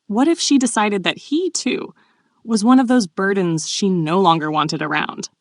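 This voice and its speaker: A woman giving a steady scripted narration of a story recap. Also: mid-range voice, moderate pace, no echo, studio quality.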